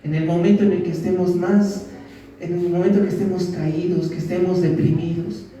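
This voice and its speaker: A man's voice: high voice, fairly even intonation, normal speed, mellow. A male pastor preaching a sermon in a church, asking his listeners questions and acting out what people said. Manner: preaching with rhetorical questions and acted quotes. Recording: very echoey church hall, mic at a distance.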